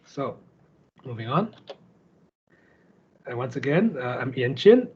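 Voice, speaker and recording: The speaker, a startup founder from Kuching in Sarawak, Malaysia, talks slowly in a mid-range, sing-song, slightly rough voice. He's a guest on an online call, walking through slides casually with his Malaysian accent while sharing his screen. The audio sounds dull and lo-fi.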